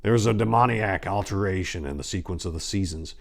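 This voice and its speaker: A man with a deep voice and vocal fry reads a horror tale dramatically, playing a haunted narrator full of dread. His delivery is theatrical and ominous, grave and foreboding, with drawn-out emphasis.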